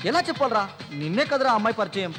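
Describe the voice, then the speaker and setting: A man's voice: high voice, quick pace, over music. A young man in a film scene, talking playfully with his friends and a girl he likes. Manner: lively, playful banter. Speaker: young college man, lead. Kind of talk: film dialogue. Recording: film soundtrack with reverb and background score.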